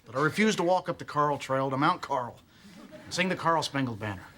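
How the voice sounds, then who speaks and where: A man's voice: fairly high pitch, lively intonation, a little fast, heavy background noise. A man playing an exasperated, wisecracking family man in a sitcom. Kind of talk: sitcom acting. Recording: studio sitcom with audience laughter.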